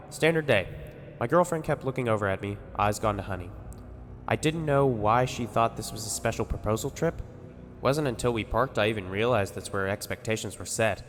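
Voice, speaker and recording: A man's voice: mid-range voice, slight background noise. A man narrating a scripted first-person horror story in a tense, conversational way. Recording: long reverb with music behind.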